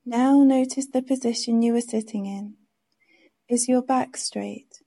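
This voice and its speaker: A woman leading a guided meditation with gentle, soothing, unhurried instructions. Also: fairly high pitch, fairly even intonation, creaky.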